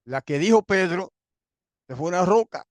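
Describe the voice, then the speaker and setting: Male Bible teacher, fairly high voice, dry recording; insistent sermon delivery with rhetorical questions, repetition and throat clearing. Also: expressive, moderate pace, no echo. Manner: frequent throat clearing, rhetorical questions, repeats points for emphasis.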